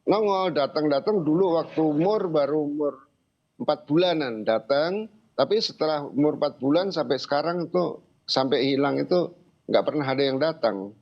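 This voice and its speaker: An older man giving an account in an interview, speaking informally and haltingly with repeated phrases. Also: fairly high pitch, lively intonation, gravelly. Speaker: interviewee, grandfather of a missing child. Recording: dull lo-fi sound.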